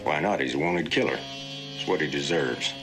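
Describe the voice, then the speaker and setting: An actor playing a hard-nosed bounty hunter with a blunt, clipped, cold delivery in a 1960s TV western. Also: male voice, very deep voice, sing-song, normal speed, gravelly, music in the background, full character voice. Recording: TV soundtrack with loud score.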